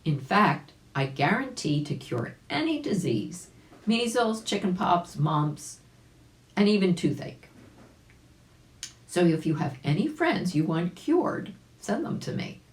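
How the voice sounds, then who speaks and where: In a very animated turn, a woman reader becomes a sly, boastful bear from a storybook, coaxing its prey slowly in a low voice that swings up and down. The voice grows harsh when revealed, and the room rings with reverb.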